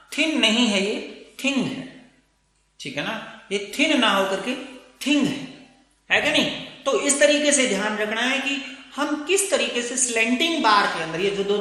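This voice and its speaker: A man's voice: sits high, pushed and bright. A man teaching phonetics. He explains step by step and keeps checking that the class follows him. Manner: explains step by step with frequent checks like "theek hai na". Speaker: English teacher. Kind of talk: phonetics lesson. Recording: echoey room with long reverb.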